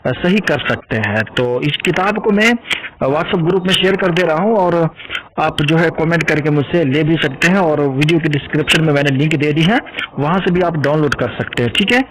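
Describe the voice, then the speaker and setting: A man with a fairly high voice teaches in a relaxed, unhurried way. He stops often to repeat single words slowly and carefully so the right pronunciation comes through. His tone is plain and instructive, like a teacher talking straight to the viewer. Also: noisy background. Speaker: speech-making teacher, channel host. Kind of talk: casual instructional talk.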